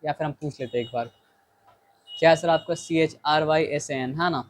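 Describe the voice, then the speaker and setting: A man's voice: fairly high pitch, rough recording. Man teaching biology with rhetorical questions. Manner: explains in Hindi mixed with English, reads English lines slowly; keeps asking rhetorical questions. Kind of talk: bilingual biology lesson.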